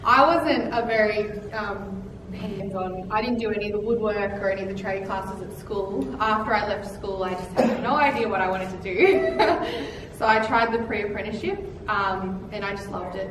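A woman's voice: medium pitch, normal speed. Young Australian woman tradie, chatty, distant mic with room hiss. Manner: chatty, with fillers and laughs. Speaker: qualified electrician, panel member. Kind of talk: panel discussion. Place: large plain meeting room, seated at table. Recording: echoey room from far off, noisy.

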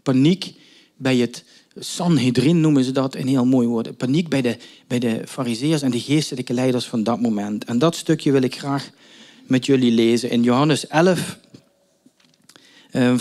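A man's voice: mid-range voice, unhurried, a little mellow. A male preacher telling a story in a sermon, with emphatic questions and thoughtful hesitations.

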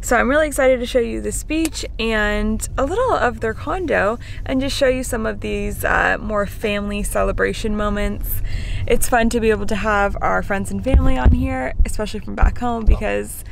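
A young woman talking to a handheld camera at arm's length, bubbly and excited. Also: fairly high pitch, moderate pace, vocal fry, a little hiss or hum. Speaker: vlogger. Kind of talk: casual vlog talk.

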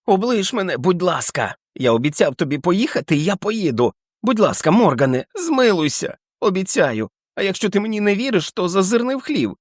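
Terrified old giant, wild shrill pleading for an audiobook; no room sound. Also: male voice, big pitch swings, brisk, few pauses, no echo, clean studio sound. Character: terrified hulking old man, hysterical and fawning. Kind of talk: audiobook character voice.

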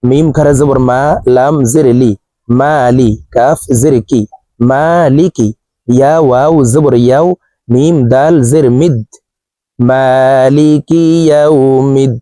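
A man teaching Quran recitation, spelling out each syllable and then chanting the words slowly and drawn out. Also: medium pitch, dark tone, no room sound. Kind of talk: letter-by-letter recitation lesson.

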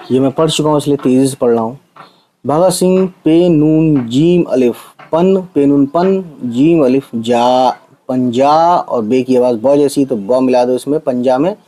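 Slow, mellow-voiced male Urdu tutor. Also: mid-range voice, poor audio. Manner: slow, patient letter-by-letter reading with frequent checks. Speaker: Urdu teacher. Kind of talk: spelling out Urdu letters for Hindi speakers.

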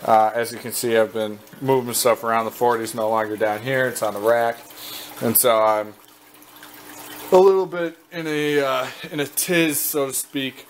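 A man from the American Midwest giving a casual, halting walkthrough of his basement fish tanks, full of fillers and restarts, recorded on a handheld camera. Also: medium pitch, fairly even intonation, a little hiss or hum. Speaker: fish breeder vlogger. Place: basement fish room, indoors.

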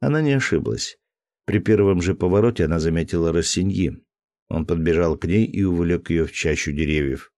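A man narrating a classic detective novel audiobook in a measured, even storytelling manner. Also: sits low, no room sound. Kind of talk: scripted narration.

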